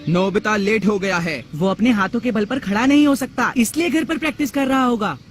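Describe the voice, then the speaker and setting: A man voicing boastful, rough boy bullies in a dubbed cartoon. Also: high-pitched, brisk, faint music behind, lightly acted. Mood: mocking. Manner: mocking and bossy.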